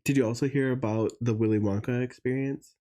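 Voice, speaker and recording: A young adult man co-hosting a podcast, with a warm, mellow tone. He gossips casually and often pauses on "um" and "like" while telling stories. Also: medium pitch, steady tone. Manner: chatty, gossipy, many fillers. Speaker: podcast co-host. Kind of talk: casual chat.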